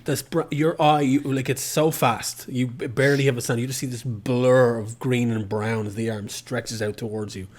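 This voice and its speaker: A man's voice: mid-range voice, fairly even intonation, normal speed, hardly any pauses. A man running a tabletop roleplaying game, narrating scenes vividly and dramatically as game master.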